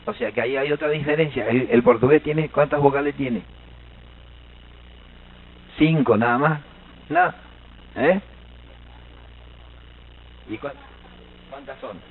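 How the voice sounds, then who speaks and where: A man with an Argentine Spanish accent giving a lively seminar lecture as a Guaraní language teacher, joking and quizzing the audience. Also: on the high side, unhurried, vocal fry, long pauses, narrow, tinny audio. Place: seminar hall.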